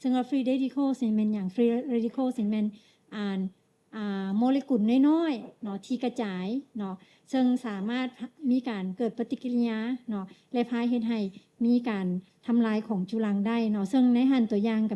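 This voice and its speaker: A woman interprets a medical lecture, hesitating often and adding tag particles to her sentences. Her voice is slightly high in pitch but very dark and mellow in tone.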